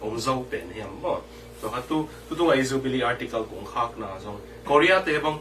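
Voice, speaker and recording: Male preacher, sermon, bright forceful voice, distant mic, faint room noise. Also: mid-range voice.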